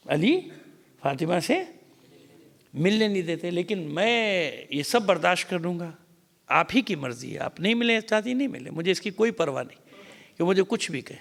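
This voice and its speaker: A Pakistani-accented man preaches a mourning sermon in a large mosque hall, his fairly high voice rough with gravel. He tells the story with drama, rising to loud cries and sinking to whispers. Long reverb trails behind every phrase. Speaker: cleric.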